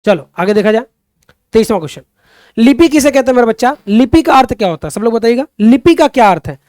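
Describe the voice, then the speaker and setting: In a clean, echo-free studio recording, a young man speaks quickly in a very high, darkish voice with lively intonation. He runs an online Hindi exam-prep session, pressing his "friends" and "children" to answer repeated questions, and occasionally launches into passionate social commentary.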